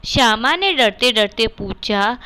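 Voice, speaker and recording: A woman teacher reads a textbook story aloud and explains each line again in simpler words. Her voice is bright and slightly high. She talks patiently to her students. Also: expressive, slow.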